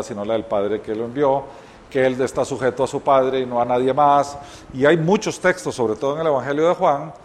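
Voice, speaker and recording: A man teaching a Bible study, explaining scripture step by step and sometimes correcting himself mid-sentence. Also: a little high. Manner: explanatory, retells scripture scenes with voiced dialogue; occasional self-corrections.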